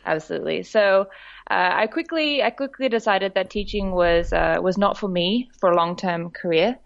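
A woman's voice: medium pitch, normal speed, gravelly, highs cut off. A woman from Australia, telling her story in a podcast interview, chatty and full of fillers. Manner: warm, chatty storytelling with frequent laughs and fillers. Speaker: guest, director of a women's network.

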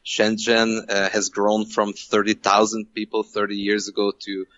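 A man from Hungary, a guest on a podcast interview, speaking in a measured way with many fillers and restarts. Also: fairly low pitch, completely flat delivery, fairly bright tone, no echo, highs cut off. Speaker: guest, venture co-founder.

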